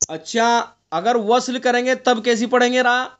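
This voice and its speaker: Man, Quran recitation teacher, patient step-by-step explanations, slow chanted verses, dull lo-fi online audio. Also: extremely high pitch, level tone, background noise. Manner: questions students, then explains rules step by step. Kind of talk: online tajweed class. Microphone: online class connection.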